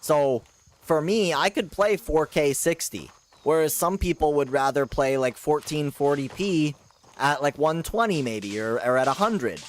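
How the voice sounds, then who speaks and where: A man streaming a shooter game live, chatting casually and rambling with slang, with sudden loud outbursts of surprise. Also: a little high, lively intonation, unhurried, slight background noise.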